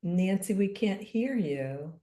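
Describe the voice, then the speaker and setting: A woman leading an online class, gently prompting participants over a video call. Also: mid-range voice, expressive, takes it slowly. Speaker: class facilitator.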